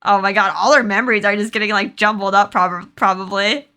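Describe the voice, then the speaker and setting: A woman reacting excitedly while playing through a visual novel, with gasping asides. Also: medium pitch, fairly quick. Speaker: game streamer.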